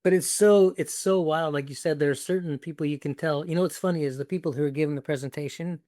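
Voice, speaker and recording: Man, host, casual conversation, animated storyteller, quick to laugh, slightly high voice, dry sound. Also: dry recording.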